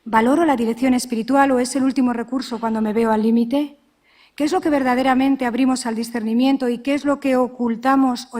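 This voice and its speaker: A middle-aged woman, a religious sister, giving a measured, earnest spiritual talk full of reflective questions. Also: high voice, a little mellow.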